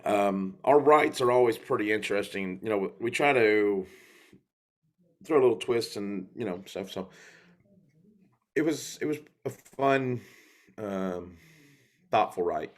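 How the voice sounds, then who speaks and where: A man's voice: lowish voice, measured pace, pauses often. A man, a guest singer-songwriter, talking in a loose, rambling storytelling way with fillers and asides. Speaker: guest musician. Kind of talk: live singing and casual interview chat.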